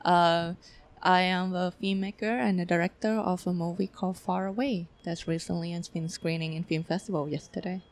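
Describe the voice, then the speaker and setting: A young Thai woman with a Thai accent, who is a film director, answers interview questions casually and haltingly, using many fillers. Her voice is lowish and her delivery flat.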